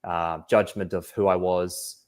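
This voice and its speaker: A man's voice: low-pitched, flat delivery, a little slow. A young man from New Zealand, an anxiety coach talking reflectively in a casual podcast interview, with many fillers.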